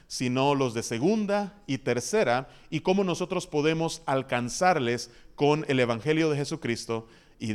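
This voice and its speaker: Smooth-voiced man emceeing a church conference. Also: a little high. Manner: measured, churchly phrasing with frequent "eh" pauses. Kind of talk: formal introduction speech. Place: conference hall.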